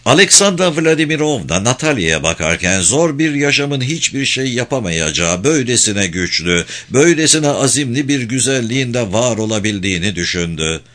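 Man reading a novel aloud, measured. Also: medium pitch, very animated, a bit bright. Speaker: audiobook narrator.

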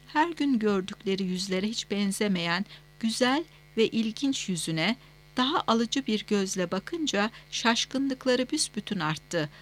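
A woman narrates a novel as an audiobook at mid pitch. She reads steadily and measuredly, phrasing each clause cleanly.

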